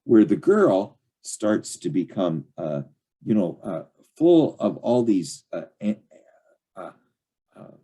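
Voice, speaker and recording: An older man gives an informal study-group lecture, reading and commenting in a halting, digressive way, often leaving sentences unfinished. His fairly low voice is husky, warm, and very animated.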